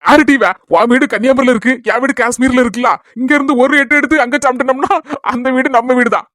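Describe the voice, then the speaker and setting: A man's voice: extremely high pitch, steady tone, fast, fairly bright tone, dry recording, studio quality. A man voicing a teasing, caring young husband in a cartoon, with a Kanyakumari Tamil accent. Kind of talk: cartoon voice acting.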